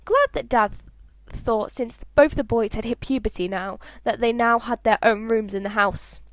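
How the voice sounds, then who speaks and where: In a dry recording, a woman with a fairly high-pitched voice narrates fan fiction at normal speed. Her reading is expressive, in the manner of an amateur audiobook, with occasional stumbles.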